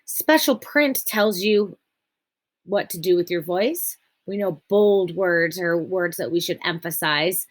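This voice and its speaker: A young woman teacher walks children through a reading lesson, patient and clear in her explanations. She slows down to make each point and reads passages aloud with plenty of expression. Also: lowish voice.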